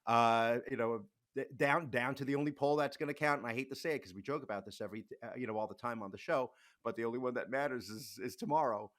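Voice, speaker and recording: A young man guest on a radio show, with a rough morning voice, talking candidly and thinking aloud about the race. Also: mid-range voice, fast, fairly bright tone. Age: young adult. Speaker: guest, podcast co-host and editor. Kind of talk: casual political chat.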